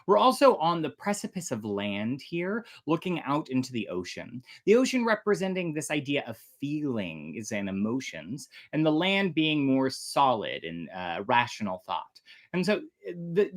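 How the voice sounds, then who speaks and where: A storytelling show host presents casually to the camera on a livestream for an online audience, chatty and theatrical. The voice is mid-range with big pitch swings at a normal speed.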